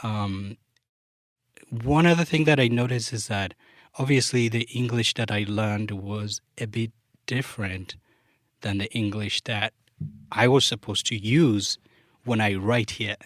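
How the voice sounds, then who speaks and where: Here a young software developer from Uganda, a Luganda speaker, appears as a podcast guest, talking in a relaxed, casual way peppered with "like" and "you know." His voice is on the low side and a little slow, captured dry at studio quality.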